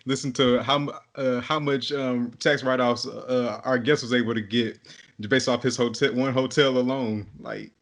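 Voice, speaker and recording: A young man co-hosts a podcast in a relaxed, easygoing voice at a middle pitch. He rambles a bit, restarting sentences as he thinks. He laughs easily between points. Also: normal speed. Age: young adult. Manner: laid-back, rambling, many fillers and restarts, laughs easily. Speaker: podcast co-host. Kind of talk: casual podcast chat.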